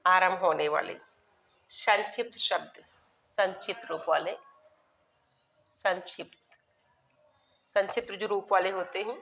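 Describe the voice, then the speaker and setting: Low-voiced woman teaching a grammar lesson. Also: a little slow, long pauses, a bit bright, a little hiss or hum. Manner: repeats key words, asks students questions and answers them herself. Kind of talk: classroom grammar lesson in Hindi, with English terms.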